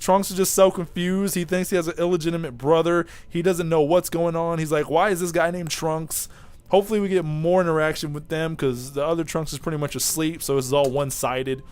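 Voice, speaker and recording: A man's voice: a little high, a little mellow. A young man giving a casual, rambling, offhand video review of an anime episode. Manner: rambling, offhand, chatty with fillers.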